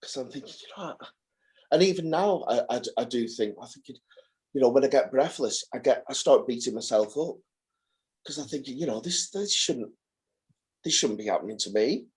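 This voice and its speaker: A man's voice: mid-range voice, animated, moderate pace, darkish tone, slightly rough. A man in his forties, a carer taking part in a support group on a video call, talking hesitantly and often repeating words as he restarts. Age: 40s. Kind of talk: casual group chat.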